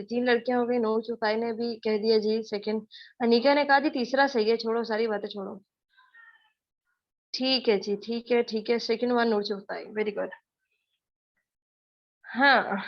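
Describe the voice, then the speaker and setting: A young woman teaching spoken English in an online class, short of breath, mixing English into her explanations and repeating points for emphasis. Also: a little high. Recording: dull lo-fi online class audio.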